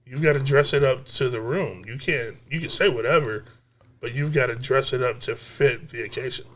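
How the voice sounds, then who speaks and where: A man co-hosting a casual podcast, making his point in a punchy, animated way and repeating it for emphasis. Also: mid-range voice, normal speed. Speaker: podcast co-host. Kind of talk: casual debate chat.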